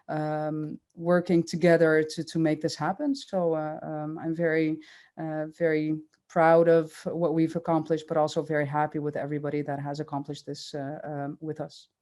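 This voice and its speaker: A woman who grew up in Curaçao, speaking as an oncologist guest in a podcast interview, measured and thoughtful with many fillers. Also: low-pitched, mellow.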